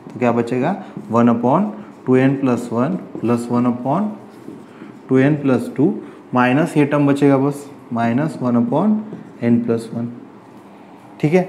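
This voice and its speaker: A man with a mellow, relaxed voice teaches a maths lesson at a steady, everyday pitch. He works through each step and keeps posing rhetorical questions to the class. Faint background noise sits under the recording. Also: takes it slowly, pauses often. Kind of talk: chalkboard maths lecture.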